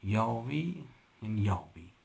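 Deep gravelly man teaching classical prose. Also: big pitch swings, a little mellow. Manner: reads old prose aloud, then explains it in plain speech; stops to correct his own pronunciation. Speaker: literature teacher. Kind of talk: explaining a classical Persian text line by line.

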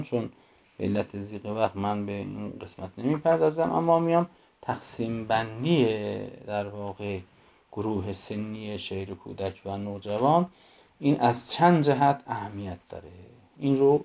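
A man giving a lecture, stressing and repeating the key points and reading children's poems aloud slowly. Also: lowish voice, vocal fry, a little mellow. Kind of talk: university lecture.

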